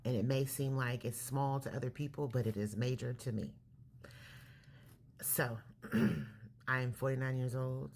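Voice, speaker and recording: A woman in her late forties from California, candidly telling her life story in a casual vlog, pausing and correcting herself as she goes. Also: rumbling low, fairly even intonation, darkish tone, a little hiss or hum. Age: 40s. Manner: reflective, candid, self-correcting. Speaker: vlogger.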